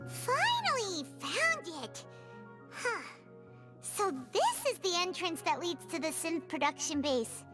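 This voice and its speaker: A woman voicing a small, childlike fairy companion in a video game, squeaky, eager and earnest. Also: sing-song, slow, bright, forceful tone, exaggerated voice. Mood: excited. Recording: music behind the voice.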